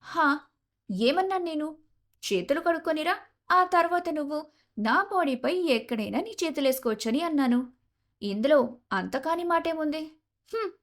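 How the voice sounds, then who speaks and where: A quick-tongued young lady CEO from an audio romance story, as a woman narrator plays her. She talks back with lively, exclaiming lines. The voice is bright and fairly high. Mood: sassy.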